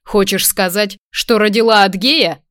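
A woman reader voicing a brash, loud grown man who mocks and threatens in an audiobook. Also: medium pitch, moderate pace, no room sound, studio quality, natural voice. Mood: mocking. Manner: loud, mocking, menacing. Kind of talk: audiobook character voice.

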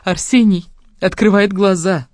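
A woman's voice: mid-range voice, normal speed, no room sound, clean studio sound, voice pushed up, natural voice. A woman voicing an anxious, tearful middle-aged mother who sobs and calls out over the phone. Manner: sobbing, agitated, calling out.

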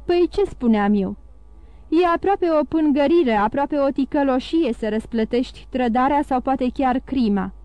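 A woman's voice: sits high, a little mellow, dry recording, lo-fi sound, pitched above the performer's own voice, lightly acted. A woman voicing a greedy, hesitant middle-aged male innkeeper in an audiobook. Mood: scheming.

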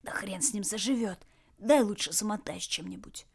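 A woman voicing a gruff, blunt young male commander who grumbles and taunts coarsely. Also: medium pitch, moderate pace, darkish tone. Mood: grumbling. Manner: grumbling, coarse and dryly mocking.

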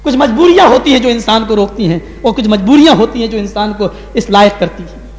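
Male preacher, sermon, animated storytelling, very high voice, echoey hall. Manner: animated storytelling with Arabic recitation. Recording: echoey hall with long reverb.

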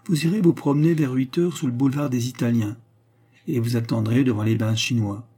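A man voicing a polite young gentleman rogue who speaks in a deferential, composed way. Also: mid-range voice, fairly even intonation, brisk, breathy edge, natural voice. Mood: instructing.

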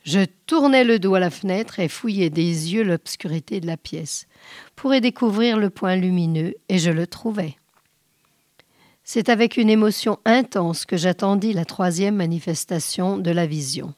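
A woman reading a short story aloud in a measured, often hushed way. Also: lowish voice, no echo, studio quality. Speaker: reader.

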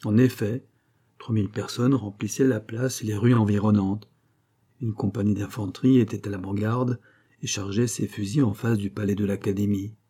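A man reading a classic adventure novel aloud in measured, even scripted narration. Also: lowish voice, husky. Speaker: audiobook reader.

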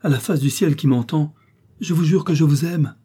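A man reading the part of a young noblewoman in a historical romance audiobook, lifting his voice and speaking softly and pleadingly. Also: medium pitch, normal speed, husky, close to an everyday voice. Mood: earnest. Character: young noblewoman, tender and trembling.

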